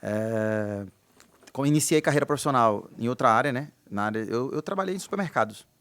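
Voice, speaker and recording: A man's voice: mid-range voice, lively intonation, a little fast, fairly bright tone, dry recording. A man in his late thirties from Recife with a Pernambuco accent, a podcast guest chatting casually about his life, hesitant and full of fillers. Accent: Pernambuco Portuguese. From Recife, Brazil. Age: 30s. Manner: laid-back, hesitant, lots of fillers and restarts. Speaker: podcast guest, air-conditioning instructor.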